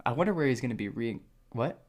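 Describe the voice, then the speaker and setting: A man's voice: mid-range voice, fast talker. A man co-hosting a podcast in casual chat, joking and laughing often. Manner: jokey, laughs often, animated. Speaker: podcast co-host.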